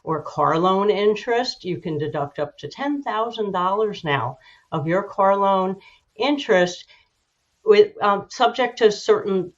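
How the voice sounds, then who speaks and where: A woman giving measured, informative, slightly halting explanations as an expert guest in a broadcast interview. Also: medium pitch, animated, dull audio.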